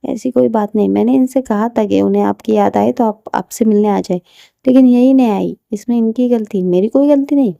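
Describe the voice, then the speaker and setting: A woman's voice: on the high side, brisk, creaky, mellow, dry recording, highs cut off. A woman voicing a playful young wife who teases and protests that she is innocent. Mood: teasing. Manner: teasing, protesting. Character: playful young wife, teasing sister-in-law. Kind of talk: storybook character voice.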